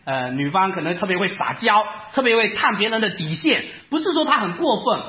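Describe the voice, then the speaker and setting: A man preaching a sermon, animated, asking rhetorical questions and acting out his listeners' doubts. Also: sits high, fairly quick. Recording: echoey room, slightly dull sound.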